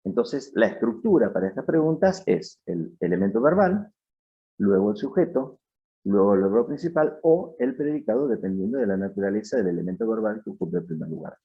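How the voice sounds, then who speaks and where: A man teaching a lesson in measured, explanatory scripted narration. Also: fairly low pitch, lively intonation. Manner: measured, explanatory, reads out example sentences. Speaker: English teacher. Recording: dull, lo-fi sound.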